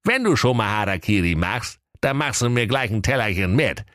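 A man's voice: on the low side, animated, moderate pace, a bit bright, no room sound, clean studio sound, voice pushed up. A man voicing a cocky, naive young male web designer as the hero of a comic fairy tale. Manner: boastful, cheeky.

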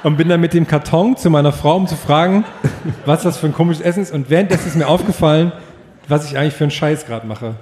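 A man's voice: fairly high pitch, fast talker, a little mellow, roomy sound, in a large hall, slight background noise. A man in a casual chat, telling rambling stories and laughing often. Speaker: podcast co-host.

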